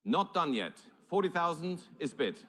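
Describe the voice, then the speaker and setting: A man's voice: a little high, big pitch swings, normal speed, fairly bright tone. A man working as an auctioneer, calling numbers and bids live in formal, courteous patter.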